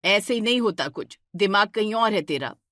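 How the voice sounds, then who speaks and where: A woman voicing a stern, scolding middle-aged mother-in-law in a cartoon story, firing sharp questions at her daughter-in-law. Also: medium pitch, animated, normal speed, no echo, studio quality, close to an everyday voice.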